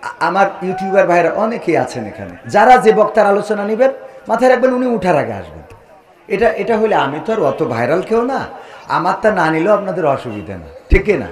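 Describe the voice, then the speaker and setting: Man, preacher, dramatic sermon storytelling, high voice, echoey recording. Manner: dramatic, swings between loud rising cries and low hushed narration.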